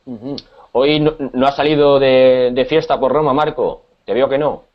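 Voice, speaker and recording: A man's voice: medium pitch, steady tone. Man, accent from Spain, Spanish teacher, patient, hesitant, muffled video call sound. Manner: patient, explains slowly, many hesitations. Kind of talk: online class conversation.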